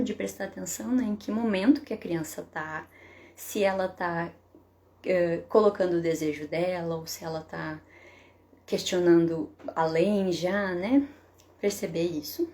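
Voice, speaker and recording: A woman psychotherapist giving parenting advice in a live stream, explaining calmly and often checking in with a tag question. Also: lowish voice, unhurried. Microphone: webcam or phone for a live stream.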